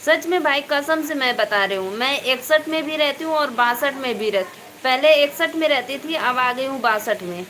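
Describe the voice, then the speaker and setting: A woman's voice: high-pitched, animated, moderate pace, low-quality recording. Chatty North Indian woman live streaming. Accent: Awadhi-tinged Hindi. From eastern Uttar Pradesh, India. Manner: chatty, greets viewers by name, speaks loudly over rain. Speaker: live stream host and folk singer. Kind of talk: casual live stream chat with viewers. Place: indoors at home during heavy rain. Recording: faint background noise of rain.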